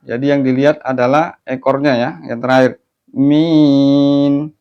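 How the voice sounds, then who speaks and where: A man teaching Quran recitation online, explaining patient steps and then chanting verses slowly in a melodic tone. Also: mid-range voice, fairly even intonation. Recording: dull lo-fi audio.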